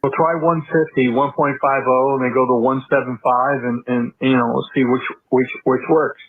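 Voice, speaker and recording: Husky man heard through a tinny prison phone line, questioning and plain-spoken. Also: mid-range voice, little pitch movement, normal speed. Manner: questioning, plain-spoken, stumbles and repeats words. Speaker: parent on a call with his jailed son.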